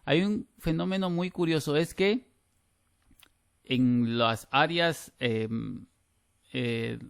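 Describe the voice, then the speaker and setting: A middle-aged man, teaching a grammar class over a video call, lively and emphatic with frequent restarts. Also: medium pitch, gravelly, no room sound, studio quality. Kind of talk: online class lecture.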